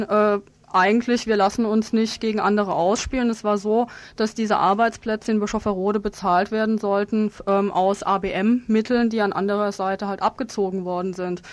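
An activist guest in an interview, a woman with a medium-pitched voice explains her position haltingly and spontaneously, with frequent ums. There is no echo on the recording.

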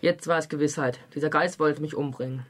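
A young man reading a novel excerpt aloud as a book reviewer, with a brisk, even delivery, then chatting casually about the book. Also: a little high.

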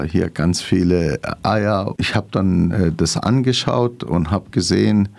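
A restaurant owner from Syria answers an interviewer's questions in a low, gravelly voice that is dark and mellow. He speaks hesitantly, with many fillers and grammar.

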